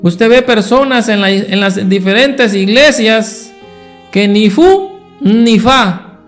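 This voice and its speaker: High-voiced, slow preacher. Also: male voice, soft background music. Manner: rhetorical questions to the congregation. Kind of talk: Sunday school sermon.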